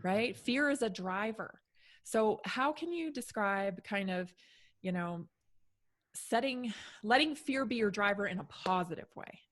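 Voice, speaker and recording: A woman hosts a podcast in a relaxed, chatty way. Her pitch sits in a middle range, and she backs up her guest with frequent affirmations. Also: a little slow. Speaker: podcast host. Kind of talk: casual interview conversation.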